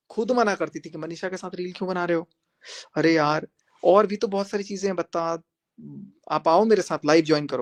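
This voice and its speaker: A young man on a live stream, speaking defiantly and confrontationally, repeating phrases for emphasis as he challenges his critics. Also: fairly high pitch. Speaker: social media creator on a live stream. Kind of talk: heated live-stream monologue.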